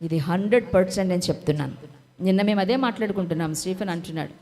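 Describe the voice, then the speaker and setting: A woman's voice: lowish voice, rapid-fire, a little mellow. A woman preaching a sermon with emphatic rhetorical questions and repetition, speaking straight to her listeners. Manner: talks straight to listeners by name.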